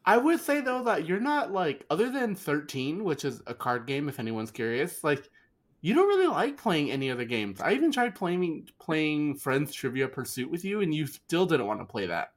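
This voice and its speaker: A man co-hosting a podcast, chatting playfully with quick asides and frequent laughter. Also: fairly high pitch, very animated. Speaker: podcast co-host. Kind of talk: casual recap chat.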